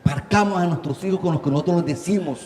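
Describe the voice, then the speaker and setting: A man's voice: sits high, fast talker, darkish tone. A man giving a motivational talk to parents, earnest and speaking straight to his audience. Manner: earnest, addresses audience directly, acts out quoted voices. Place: conference venue. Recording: roomy hall with faint noise.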